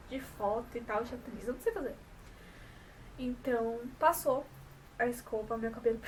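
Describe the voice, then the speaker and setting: Speaking to camera in a loose, meandering way and often correcting herself, a twenty-something vlogger with a São Paulo coast Brazilian Portuguese accent chats casually. Her fairly high voice is a bit mellow, recorded far from the mic with some hiss or hum and rough quality.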